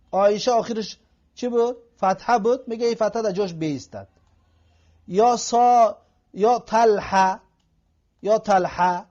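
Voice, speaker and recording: A man giving an Arabic grammar lesson in a classroom lecture style, patiently repeating each example slowly. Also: sits high, mellow. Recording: dull lo-fi recording.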